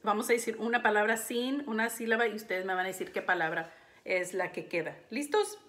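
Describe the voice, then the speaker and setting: A woman teaching a phonics lesson to young children, saying words slowly and syllable by syllable, and often clearing her throat. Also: mid-range voice, fairly bright tone. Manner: slow, deliberate, syllable-by-syllable delivery.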